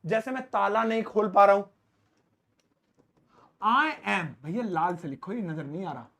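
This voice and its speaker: A man teaching an English lesson in a casual, chatty way, stretching words out slowly as he writes them on the board. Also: high-pitched, vocal fry. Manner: lively, stretches words slowly when writing; talks to an off-screen helper.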